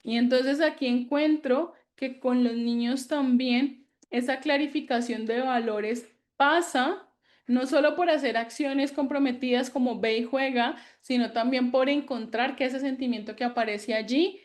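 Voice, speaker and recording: A woman, teaching an online psychology class, explaining patiently and acting out gentle talks with children. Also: sits high, a little slow. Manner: warm, explanatory, acts out gentle dialogues with children. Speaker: psychology course instructor. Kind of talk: online lecture. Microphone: video call.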